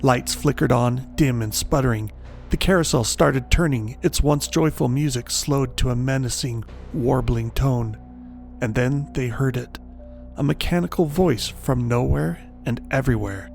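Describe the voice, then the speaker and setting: A man narrates a horror story in a gravelly, mid-pitched voice, with a measured and dramatic delivery. Faint music runs underneath the narration. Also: a little mellow.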